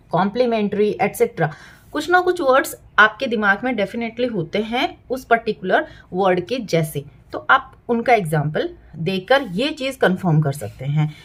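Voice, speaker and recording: A woman's voice: fairly high pitch, a bit bright. A woman in her thirties explaining to parents how to teach spelling, breaking words into parts and spelling letters aloud, with frequent "theek hai" check-ins. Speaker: parenting and teaching channel host. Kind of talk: explanatory home tutorial.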